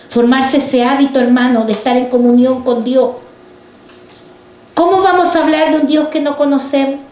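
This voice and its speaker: A woman's voice: high voice, a little mellow, reverberant. A woman preaching a fervent sermon, speaking straight to the congregation and asking them rhetorical questions. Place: church.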